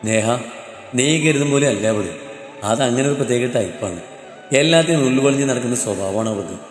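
A man voicing a terse, reserved young husband in a storybook, lowering his voice. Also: expressive, a little fast, natural voice. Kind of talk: storybook character dialogue. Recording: echoey roomy hall, faint music.

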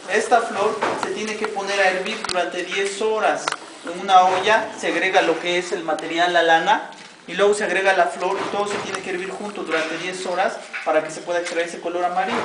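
A man with a Mexican Spanish accent guiding tourists through a weaving demonstration, explaining each step in Spanish and then repeating it in English. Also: high voice. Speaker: weaving cooperative guide. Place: weaving workshop with visitors. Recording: distant, roomy camera audio with background noise.

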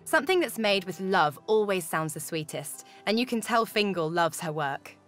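A woman's voice: medium pitch, expressive, moderate pace, a bit bright, soft background music, natural voice. Woman playing wry, easygoing wandering musician. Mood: warm, nostalgic. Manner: casual, conversational, reflective. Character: wry, easygoing female musician haunted by inner spirits. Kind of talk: video game companion dialogue.

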